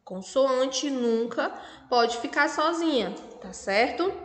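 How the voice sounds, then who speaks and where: Slow, patient Brazilian teacher in echoey room. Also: female voice, sits high, fairly bright tone. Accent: Brazilian Portuguese. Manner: patient, spells out syllables, asks checking questions. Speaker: primary school teacher. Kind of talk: slow remote lesson for children. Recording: echoey room with long reverb.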